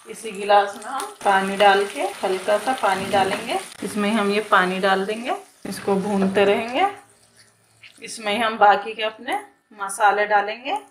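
A woman who hosts a home cooking channel, calmly explaining each step of a recipe as she cooks in her kitchen. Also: mid-range voice, measured pace, a little hiss or hum. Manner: calm, plain step-by-step explaining with repeated phrases. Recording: echoey kitchen with cooking sizzle. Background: frying sizzle and stirring clicks.

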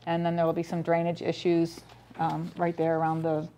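Standing by the projector screen at a public board meeting, a middle-aged woman works through the school district budget figures methodically, often stumbling with ums and restarts. Her low voice is monotone and dark at a moderate pace. A far camera records the room audio, with slight background noise.

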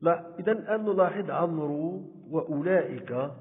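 A man from Morocco teaching a primary school spelling lesson, speaking deliberately and drawing out example words. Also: a little high, lively intonation. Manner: deliberate, stretches out example words, repeats "so" often. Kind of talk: recorded Arabic spelling lesson. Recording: tinny phone-like sound with long reverb.

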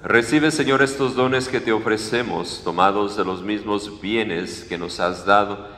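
A male priest leading Mass at the altar, reciting prayers in a measured, solemn way. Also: on the low side, a bit bright, a little hiss or hum. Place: large church sanctuary, at the altar. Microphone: far fixed camera, room mic. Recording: echoey church with long reverb.

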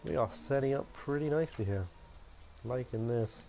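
A man hosts a gaming video with casual let's-play commentary, chatty and playful as he talks to himself while playing. His voice is mid-range and dark at a moderate pace, with a little hiss or hum.

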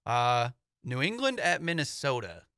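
A young man with a bright, forward voice talks football picks in an easygoing, rambling way. The sound is close and dry, taken on a studio microphone in a small studio. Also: mid-range voice, big pitch swings, a little slow, no room sound. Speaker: sports show co-host. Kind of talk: casual sports talk. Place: small studio with foam panels. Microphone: studio mic on boom, headphones.

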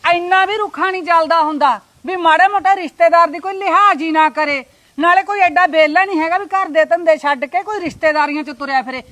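A sharp-tongued visiting aunt, played by a woman, scolds and complains with constant indignation. Her voice is high and she has a Punjabi accent. The part belongs to a middle-aged woman in a village family drama. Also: fast talker. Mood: indignant.

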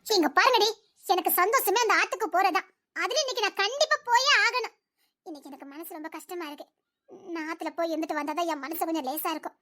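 A woman voicing a sorrowful young village girl, very high and bright. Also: animated, brisk, heavily acted. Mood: pleading sad. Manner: pleading, tearful.

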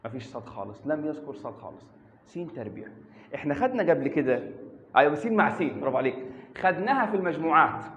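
A man's voice: mid-range voice, a little hiss or hum. A man with an Egyptian accent teaching a math lesson in a classroom, quizzing students by name and repeating his questions patiently. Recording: echoey, dull lo-fi classroom recording.

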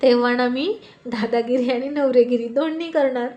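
A woman's voice: high voice, normal speed, muffled recording, close to an everyday voice. Woman voicing a bossy teasing older brother. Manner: loud, bossy and playful. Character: teasing young adult brother.

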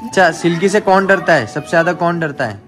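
A young man filming a casual family vlog at home, coaxing children and a pet cat in a playful, gentle way. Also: on the high side, fairly quick. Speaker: vlogger filming family pets. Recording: music playing under the voice.

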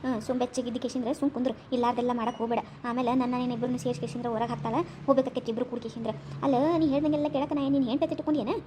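A woman's voice: a little high, steady tone, very fast, noisy background, natural voice. A woman voicing a chatty village aunty with a North Karnataka accent, fussing and reassuring as an eager hostess in a cartoon. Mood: scolding. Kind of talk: cartoon comedy voice acting.

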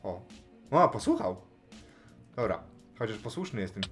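A man's voice: lowish voice, a little slow, faint music behind. Chatty man narrating a Minecraft game. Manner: chatty, talks to animals in game, bursts of excited yelling. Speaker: gaming YouTuber. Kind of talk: Minecraft let's play commentary.

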